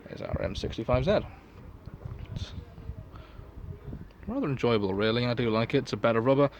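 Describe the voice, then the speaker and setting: A man's voice: medium pitch, very animated, normal speed, muffled recording, a little hiss or hum. A man giving a casual, unscripted product review in a rambling, offhand, sweary way. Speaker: collector and reseller reviewing gas masks.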